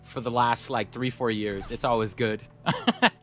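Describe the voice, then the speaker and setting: Gaming on a live stream, a Somali-speaking man addresses his chat directly in a chatty, upbeat way. His mid-range voice is animated, unhurried and a bit bright, over soft background music.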